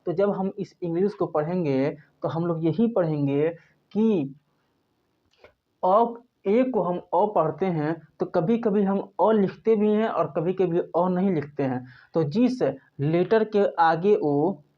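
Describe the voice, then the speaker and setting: A man's voice: high voice, slow. A male teacher from India speaks, explaining a lesson step by step. He repeats himself patiently and keeps posing questions that he then answers. The recording sounds dull and lo-fi. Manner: patient, repeats points, asks and answers his own questions. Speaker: English teacher. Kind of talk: spoken classroom lesson.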